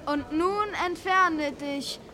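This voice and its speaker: A woman's voice: very high-pitched, slow pace, heavy background noise. A woman playing an officious medieval town gatekeeper in an audio play, with a declamatory delivery. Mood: stern. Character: stern, officious town gatekeeper of olden times. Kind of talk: German audio play for children.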